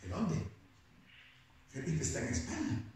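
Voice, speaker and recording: Slow-preaching man in a very echoey church. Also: slight background noise. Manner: slow, emphatic preaching with dramatic rises into shouts. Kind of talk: sermon. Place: church hall. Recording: very echoey hall, voice picked up from a distance.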